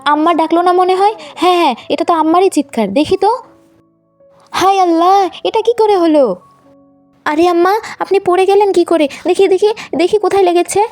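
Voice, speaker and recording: A woman doing a shrill anxious young daughter-in-law. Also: moderate pace, darkish tone, dry recording, soft background music. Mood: alarmed. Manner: urgent, high, coaxing.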